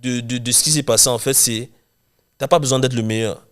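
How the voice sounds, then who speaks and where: A young man from Cameroon, a guest chatting casually in an interview, talking in quick run-on restarts. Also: medium pitch, steady tone, clear, resonant tone. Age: young adult. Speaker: guest, real estate investor and coach.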